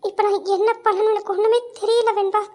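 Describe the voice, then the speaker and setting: A woman's voice: very high voice, steady tone, fast, darkish tone. Asha, a woman voicing a hesitant young village girl. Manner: hesitant, stammering, pleading. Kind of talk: amateur audio drama.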